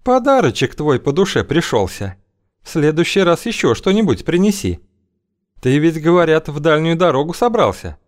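A man's voice: a little high, sing-song, normal speed, pitched above the performer's own voice. A man reading an audiobook, voicing a bold, scheming older woman matchmaker who talks in a languid, teasing, coaxing way.

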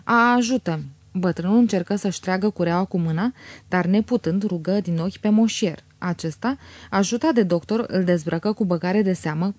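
A woman reading a novel aloud as an audiobook narrator, steady and measured. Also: fairly low pitch, no echo.

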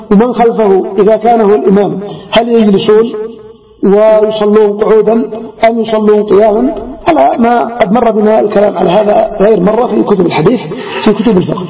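A man teaching a religious text in a measured, deliberate way, asking questions and answering them himself. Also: high-pitched. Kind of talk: classroom lecture explaining a text. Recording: echoey hall, dull lo-fi sound.

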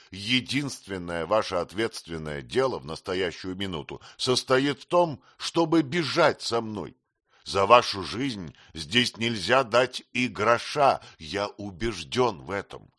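A man's voice: on the low side, very animated, measured pace, sharp tone, no room sound, studio quality, full character voice. A man reading an audiobook, voicing a young man who pleads earnestly and insistently. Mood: urgent pleading.

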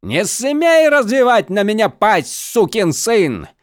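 A man voicing a spoiled, hot-tempered young male count who shouts shrilly and orders people about. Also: a little high, big pitch swings, a little slow, no echo, clean studio sound, pitched above the performer's own voice. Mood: furious.

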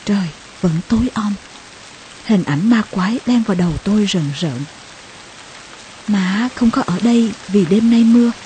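A woman reads a memoir aloud in a mellow, warm voice. Her delivery is slow, soft and emotional, sometimes sinking to a hush. A faint hiss sits under the recording. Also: medium pitch, poor audio. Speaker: audiobook narrator. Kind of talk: scripted memoir narration.

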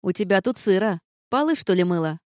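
A woman's voice: mid-range voice, expressive, a little fast, darkish tone, dry recording, clean studio sound, natural voice. A woman voicing a cheerful, teasing young man in a storybook reading.

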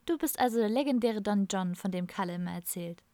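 A woman voicing a cheerful hippie woman of about fifty, lively and teasing in tone. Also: mid-range voice, quick pace, no echo, natural voice. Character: warm, amused hippie woman around fifty.

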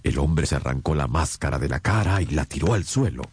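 A courteous doctor, loyal companion and storyteller of a radio drama. His voice is very deep and expressive, with an earnest, measured delivery. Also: husky, exaggerated voice. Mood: measured narrating. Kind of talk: radio drama acting and scripted narration.

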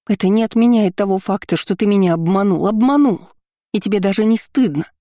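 A proud young noblewoman from an audiobook, as a reader puts her on, taut as a wire and stubborn, snapping back in clipped, strained lines. The voice is dark and mellow and sits close and dry, with no room around it. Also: mid-range voice, steady tone, normal speed, slightly rough, dry recording, close to an everyday voice. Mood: indignant.

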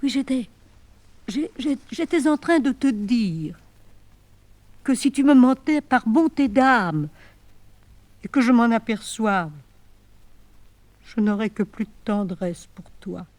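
An older actress playing a desperate woman pleading with her departing lover on the telephone, halting and swinging between emotions. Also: on the high side, expressive, darkish tone, no echo. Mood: frantic. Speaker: actress in a one-woman play. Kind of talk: theatrical monologue on the telephone.

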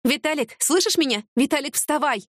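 In clean, echo-free studio sound, a woman narrates an audiobook at normal speed, her natural voice sitting high, above her own usual pitch. She voices a fiery, impulsive young woman, firing off heated, emphatic retorts with urgency.

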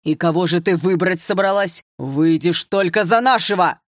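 A woman's voice: deep voice, brisk, creaky, darkish tone, no echo, studio quality. A woman reading an audiobook, voicing a stern, traditional middle-aged father who lectures his daughter. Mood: angry.

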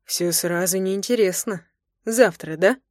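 A woman's voice: mid-range voice, a little slow, darkish tone, no echo, studio quality, natural voice. A woman voicing a playful young husband who teases his wife with an amused drawl in an audiobook. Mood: teasing. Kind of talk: audiobook character voice.

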